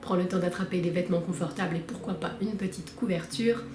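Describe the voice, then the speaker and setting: A woman's voice: lowish voice, quick pace. A woman yoga teacher greeting her viewers in a casual, affectionate video intro. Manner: warm, affectionate address to viewers. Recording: echoey room with loud music.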